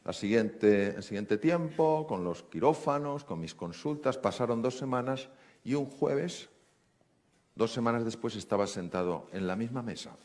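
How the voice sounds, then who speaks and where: A man's voice: medium pitch, lively intonation, moderate pace, a little mellow. A man with a Spain Spanish accent, a doctor telling a story in a talk and acting out the dialogue with animation.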